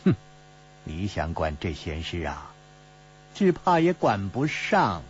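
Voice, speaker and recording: Chiding young woman voiced by a man, storytelling audiobook, lively slow delivery. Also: sits low, full character voice. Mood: teasing. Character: teasing, worried young woman companion. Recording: slightly dull recording with faint hum.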